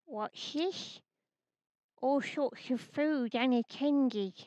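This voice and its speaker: A woman voicing a sly, greedy creature that hoards food in its den in a children's puppet story, muttering slowly and breathily. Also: high-pitched, darkish tone, no room sound, lo-fi sound.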